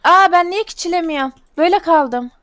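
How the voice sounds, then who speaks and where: A woman's voice: very high voice, a little fast, fairly bright tone. A woman playing Minecraft with others, complaining plaintively. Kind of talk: Minecraft gameplay commentary.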